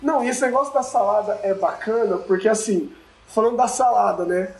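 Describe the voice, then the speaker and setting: A man's voice: high voice, a little fast, gravelly, darkish tone, soft background music. A man co-hosting a casual film chat, slangy and enthusiastic as he talks through scenes. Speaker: podcast co-host. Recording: roomy echo.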